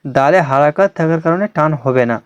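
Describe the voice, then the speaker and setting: A man teaching Quran reading online, sounding out letters slowly one by one and explaining patiently. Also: a little high, clean tone, no echo, muffled recording. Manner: slow drawn-out letter-by-letter recitation with explanations; reassuring, invites viewers to ask questions. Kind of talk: online recitation lesson.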